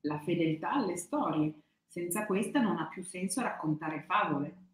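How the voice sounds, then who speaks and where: A woman's voice: lowish voice, lively intonation, normal speed, natural voice. A woman voicing a bold, cheeky little girl with a spirited, defiant way of talking. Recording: echoey room.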